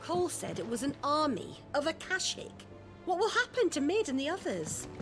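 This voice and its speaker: An anxious young woman from a fantasy video game, high-pitched and lively in her delivery. Game music is clearly heard behind her. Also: a little slow, exaggerated voice. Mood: worried.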